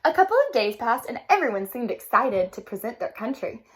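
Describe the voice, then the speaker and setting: Expressive woman teacher reading aloud. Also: on the high side, brisk. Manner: expressive, asks listeners questions. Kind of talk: children's story read-aloud.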